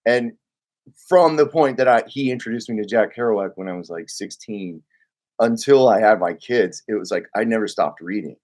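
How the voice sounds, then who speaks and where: A man's voice: fairly low pitch, normal speed, darkish tone. Rambling man with many restarts. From Oklahoma, United States. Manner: rambling, self-correcting, heavy on filler "like". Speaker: guest writer. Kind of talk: casual conversation.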